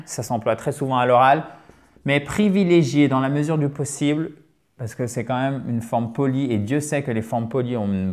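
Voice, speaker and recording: A man teaching English phone phrases in a video lesson, lively, drilling the same phrases over and over slowly. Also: medium pitch.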